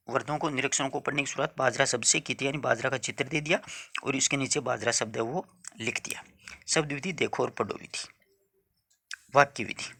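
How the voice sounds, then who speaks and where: A man delivers an exam-prep lecture at a middle pitch. His voice is bright and forward. He explains each point step by step, says it again, and checks that the students follow. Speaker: teacher.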